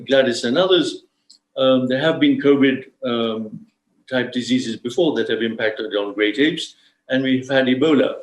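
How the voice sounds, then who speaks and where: Casting: man born in Uganda, conservation speaker, measured formal delivery with ums, echoey room. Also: mid-range voice. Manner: measured, formal, with frequent fillers. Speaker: safari lodge founder giving a talk. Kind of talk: live-streamed presentation.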